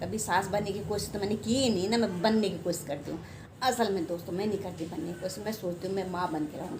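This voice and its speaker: A woman's voice: lowish voice, background noise. Chatty older woman vlogging. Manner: chatty, rambling, self-deprecating. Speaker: home vlogger. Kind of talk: casual chat to camera.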